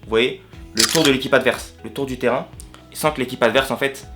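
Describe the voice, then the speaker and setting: A man from France talks to his viewers in a quick, easygoing vlog style. He leans on slang and keeps circling back to rephrase what he just said, with soft guitar music playing faintly behind him. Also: mid-range voice, steady tone. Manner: slangy, repeats and rephrases himself. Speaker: vlogger. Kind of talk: casual storytelling vlog.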